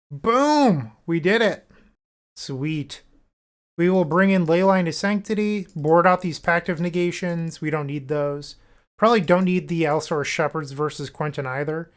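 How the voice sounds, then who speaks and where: A man's voice: a little high, smooth. A man giving casual commentary on his own card game matches, thinking aloud through each play in an upbeat, wry way. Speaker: gameplay commentator.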